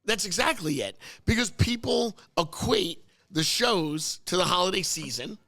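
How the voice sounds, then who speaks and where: On a laid-back talk show set in a car service center, a podcast host jokes back and forth with his co-host in a gravelly, fading voice. He takes his time speaking, yet grows excitable, his pitch jumping higher as he argues.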